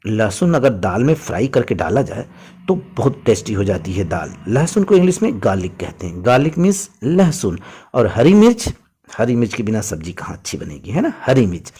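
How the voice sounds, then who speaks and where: A man's voice: on the low side, big pitch swings, a little fast, warm tone, slightly rough. A man teaching a vocabulary lesson in a chatty way, adding personal food stories between words. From India. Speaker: English teacher.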